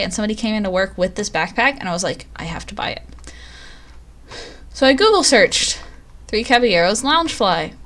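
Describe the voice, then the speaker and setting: A woman's voice: medium pitch, a bit bright. A woman streamer chatting casually on a live stream, rambling and poking fun at herself. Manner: chatty, self-deprecating, rambling.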